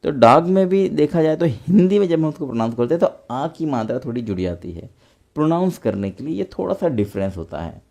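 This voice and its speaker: A man's voice: mid-range voice, warm tone. A young man patiently explaining English pronunciation step by step, speaking as a teacher in a lesson.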